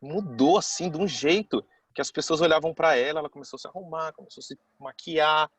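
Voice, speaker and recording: A man's voice: a little high, a little fast, slightly rough, dry recording. A man, telling a personal story to a class in a casual, chatty way and acting out the people he quotes. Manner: chatty, keeps saying "cara".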